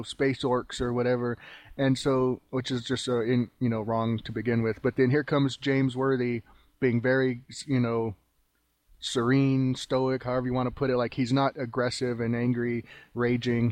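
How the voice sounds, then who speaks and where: A man's voice: mid-range voice, level tone, normal speed, a little mellow, dry recording. A man co-hosting a podcast, telling things loosely in casual chat with many fillers. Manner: loose, filler-heavy storytelling. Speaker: podcast co-host.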